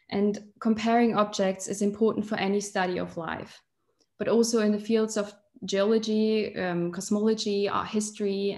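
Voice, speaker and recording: A woman's voice: mid-range voice, darkish tone. A young woman from Switzerland, a doctoral researcher, giving an online lecture from a museum collection room and explaining while holding up specimens. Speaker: PhD researcher.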